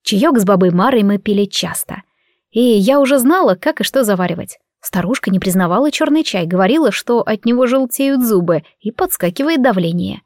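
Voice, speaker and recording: Audiobook casting: woman narrator, middle pitch, wry and reflective, dry close mic. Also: lively intonation, a little fast, a little mellow, no room sound. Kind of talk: first-person audiobook narration.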